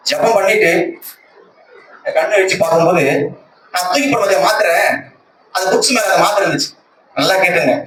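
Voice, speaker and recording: A lay church member from Tamil Nadu, India, gives a personal religious testimony, earnest and emphatic, often repeating his phrases. His voice is rather high, with a Tamil Nadu accent. The conference call recording sounds distant and echoey, with loud, clear noise behind him.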